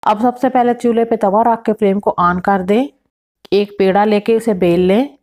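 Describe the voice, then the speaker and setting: Woman narrating a home recipe. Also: medium pitch. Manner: steady step-by-step instructions with measured quantities. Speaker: cooking channel host.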